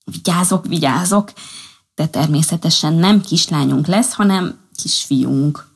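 A woman's voice: low voice, vocal fry, breathy edge, exaggerated voice. Woman doing a teasing husband rabbit.

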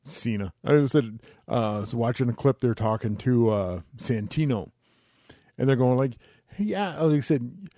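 Excitable swearing podcast host, dry sound. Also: male voice, medium pitch, normal speed, no echo. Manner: excitable, swears freely, acts out quotes. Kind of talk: casual chat.

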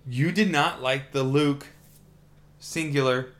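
A man's voice: medium pitch, takes it slowly. A man co-hosting a casual film review podcast, talking animatedly and swearing now and then. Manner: animated, swears, acts out quotes. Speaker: podcast co-host.

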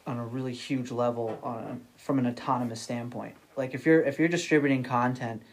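A man speaking at an ordinary middle pitch, chatting casually as a podcast guest. He rambles, restarts his sentences and repeats words. He often tags his points with "you know what I mean.". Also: fairly even intonation, fairly quick. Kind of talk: casual interview chat.

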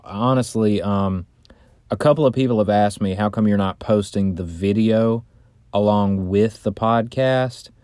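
Podcast host, male, warm and mellow tone, recording inside a closet with a flat, dry sound, chatty and joking. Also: low-pitched, no room sound. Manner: loose, chatty and joking, with frequent fillers and mild swearing. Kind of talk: casual rambling solo podcast chat. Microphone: close studio mic, audio only.

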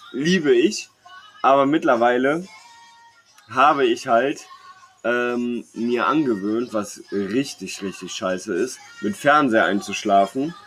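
A young man co-hosts a podcast, chatting casually and sharing personal anecdotes in a slangy, rambling, joking manner. His voice is mid-range with a fairly bright tone, and background noise is clearly audible.

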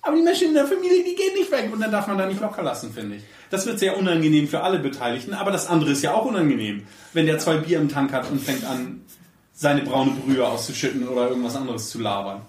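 A man's voice: on the high side, fast, distant mic. A man hosting a podcast, talking in a casual, emphatic and blunt way. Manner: animated, emphatic, with blunt colloquial remarks. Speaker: podcast host. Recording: echoey room, set back from the mic.

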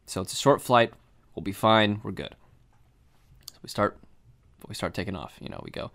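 A young man telling a story in casual chat, animated and swearing, full of fillers. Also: on the low side, moderate pace, creaky.

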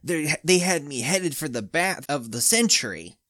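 A man's voice: fairly high pitch, lively intonation, normal speed, fairly bright tone, dry recording, studio quality, voice pushed up. A man voicing a whiny boy who pleads after being caught in trouble, in a comic read-aloud. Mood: pleading.

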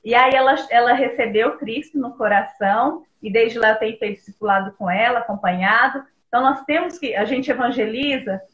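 A woman's voice: a little high, fairly quick, few pauses, fairly bright tone, roomy sound, dull audio. A woman, a missionary mother, speaking earnestly about faith in a casual video call interview, with hesitant restarts.

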